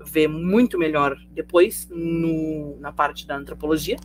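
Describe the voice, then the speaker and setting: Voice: medium pitch, steady tone, a little slow, over music. A sociology teacher with a Brazilian accent giving a live online class in a chatty way. The teacher keeps asking the students questions and checking in with them. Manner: conversational, asks students rhetorical questions, tags sentences with "tá?".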